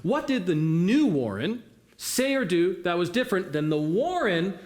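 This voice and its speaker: A man's voice: sits high, very animated, a little slow, a little mellow. A man leading an interactive theatre workshop, encouraging volunteers and asking the audience questions. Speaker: workshop facilitator.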